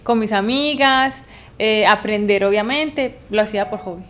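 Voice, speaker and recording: A young woman from Medellín with a Colombian accent, answering interview questions thoughtfully with frequent pauses and fillers. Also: mid-range voice, fairly bright tone. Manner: thoughtful, many hesitations and fillers. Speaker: guest, dancer.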